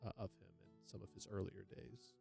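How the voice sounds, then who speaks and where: A man's voice: deep voice, steady tone, fairly quick, creaky, mellow, faint music behind. A man running a tabletop game as game master, narrating and giving brief replies to players.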